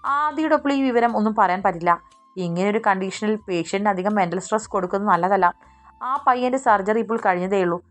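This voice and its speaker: A woman's voice: mid-range voice, quick pace, faint music behind, close to an everyday voice. A woman voicing a stern, firm male doctor in an audiobook story, speaking insistently.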